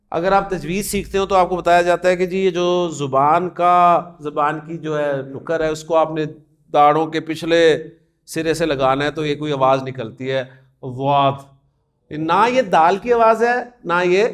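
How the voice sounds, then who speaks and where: A man from Pakistan, teaching a class the Arabic alphabet. He says the letters aloud slowly, one by one, asks the class questions and mixes English words into his Urdu. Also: high-pitched.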